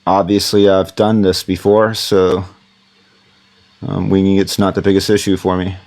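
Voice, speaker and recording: Speaking from a home studio at a moderate pace, a man with a low-sitting voice gives a casual recorded tutorial on audio production. His delivery is relaxed and rambling, full of fillers.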